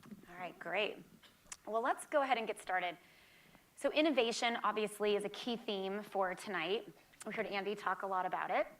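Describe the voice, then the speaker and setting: A middle-aged woman moderates a live panel. She speaks conversationally and fills pauses with "you know" as she sets up questions for the panelists. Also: medium pitch, fairly bright tone, slight background noise.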